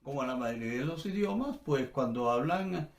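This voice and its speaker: A man's voice: medium pitch, lively intonation, normal speed, echoey room. A man teaching a casual language class, chatty and full of fillers and restarts, acting out exaggerated examples.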